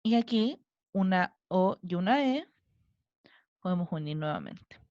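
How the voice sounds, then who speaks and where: Chilean woman teacher, slow patient explainer, dry close lo-fi voice-over. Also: fairly low pitch, lively intonation, darkish tone, no echo. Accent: Chilean Spanish. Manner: slow, patient, counting syllables aloud step by step. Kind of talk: recorded online class lesson.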